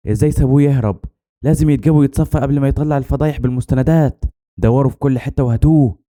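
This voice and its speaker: A man voicing an angry, arrogant middle-aged crime boss with an Egyptian Arabic accent, shouting and mocking. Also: medium pitch, very fast, voice pushed up, lightly acted. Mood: furious. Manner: shouting, then sneering and mocking.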